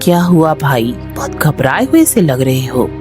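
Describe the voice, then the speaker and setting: A woman voicing an older man who runs a roadside tea stall, speaking slowly and gravely. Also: low-pitched, big pitch swings, over music. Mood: ominous. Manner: slow, grave, ominous.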